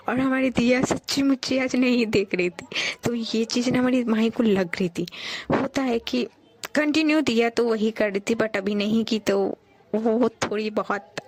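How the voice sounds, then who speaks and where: A woman's voice: a little high, darkish tone. A woman narrating an audio love story in a casual, chatty way, often speaking straight to her listeners. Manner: chatty, addresses listeners directly.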